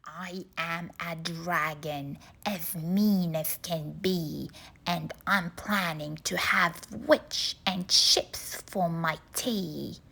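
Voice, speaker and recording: Female reader as mean dragon, hungry, menacing, creaky, slow, children's storybook. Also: fairly low pitch, bright, forceful tone, pitched below the performer's own voice, full character voice. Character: mean, hungry male dragon threatening a witch. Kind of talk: children's storybook read-aloud.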